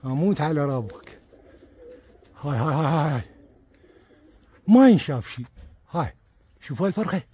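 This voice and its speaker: A man with an Iraqi accent giving casual, excitable commentary to viewers as he films his pigeons outdoors, repeating words and dropping religious blessings. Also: fairly high pitch, fairly quick, long pauses, breathy edge. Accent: Iraqi Arabic. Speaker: pigeon keeper filming his birds.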